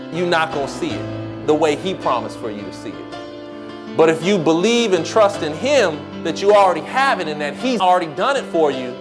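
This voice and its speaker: A man preaching a radio sermon, reading scripture slowly and asking the congregation questions. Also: fairly high pitch. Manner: repeats "guess what" and "you see", reads scripture slowly. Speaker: pastor.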